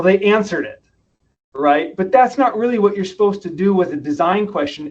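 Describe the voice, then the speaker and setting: A man's voice: high voice, highs cut off. A man who is a podcast guest, telling stories in a conversational, reflective way and asking himself questions aloud. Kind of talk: conversational storytelling.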